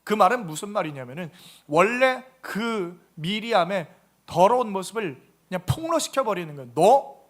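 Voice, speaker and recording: Male pastor, emphatic sermon delivery full of rhetorical questions, strikingly high voice. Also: big pitch swings, normal speed, fairly bright tone. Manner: emphatic, asks the congregation repeated rhetorical questions.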